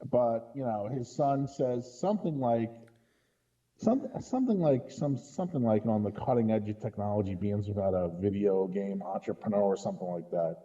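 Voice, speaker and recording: Exasperated and casual, this podcast co-host or guest critic picks apart films, constantly checking his points with a tagged "right?". He speaks at a moderate pace in a lowish, warm voice, and the audio's highs are cut off.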